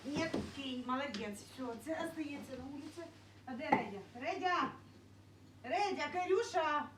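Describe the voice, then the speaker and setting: A woman talking to her dogs in casual baby talk, mixing cooing with firm commands. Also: sits high. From Ukraine. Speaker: dog breeder. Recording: roomy, from a distance, faint noise.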